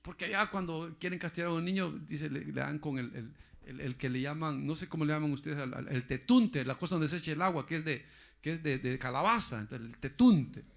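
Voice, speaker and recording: A man pastor preaching a sermon, repeating phrases and often calling listeners "brother", going loud for emphasis and dropping quiet for asides. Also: a little high, brisk, creaky.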